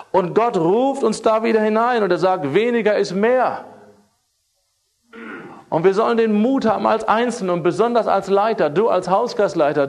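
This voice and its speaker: A man delivers a sermon in a high-pitched voice. He speaks emphatically, circling back to key phrases and pressing them home. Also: a little mellow. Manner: emphatic, repeats key phrases, fillers and restarts. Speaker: preacher.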